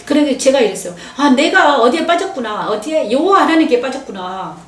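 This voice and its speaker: A woman's voice: sits high, expressive, brisk, far from the mic, slight background noise. A middle-aged woman pastor giving an emotional, confiding testimony sermon and acting out what others said. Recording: echoey room, voice from off-mic.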